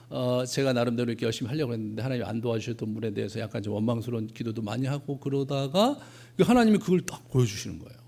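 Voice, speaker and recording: A middle-aged male pastor giving a sermon, telling stories and acting out prayers, swinging between hushed and loud. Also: medium pitch, vocal fry.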